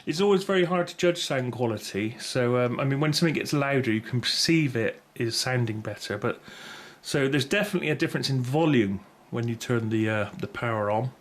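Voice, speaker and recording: A middle-aged British man, a video host, gives a casual, unscripted gear review, rambling and tentative and often correcting himself. His medium-pitched voice moves fairly quickly with few pauses. Music plays in the background, with clear background noise and room ambience.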